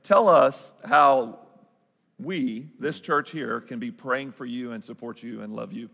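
A man's voice: medium pitch, moderate pace, gravelly, pushed and bright, slightly rough. A man with a Southern Arkansas accent speaking and praying from a church stage as the host pastor. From southern Arkansas, United States. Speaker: church pastor hosting the service. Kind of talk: church stage remarks and extemporaneous prayer. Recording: reverberant church hall, music underneath.

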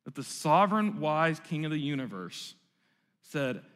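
A man's voice: fairly high pitch, big pitch swings, a little slow, a bit bright, long reverb tail. A male pastor giving a sermon in a church, conversational and self-deprecating. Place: church sanctuary.

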